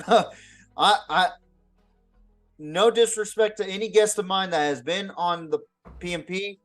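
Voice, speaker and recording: With music in the background, a man whose voice sits high hosts an unscripted football podcast at a slightly slow pace. He's blunt and foul-mouthed, repeating words often as he talks.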